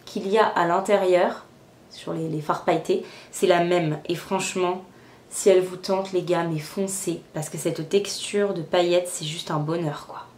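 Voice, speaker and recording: A woman's voice: fairly low pitch, a little mellow, echoey room. A young woman casually narrating a makeup tutorial step by step at home, chatty, with frequent fillers. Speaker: beauty vlogger. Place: room at home.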